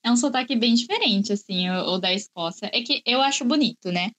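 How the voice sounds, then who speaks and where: A woman's voice: a little high, expressive, a little fast, a bit bright. A woman in a casual film discussion, chatty and explaining at length.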